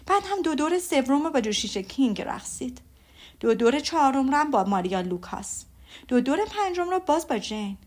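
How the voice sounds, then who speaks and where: A woman doing a gushing, excitable mother. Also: high-pitched. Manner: gushing and breathless. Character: excitable gossiping middle-aged mother.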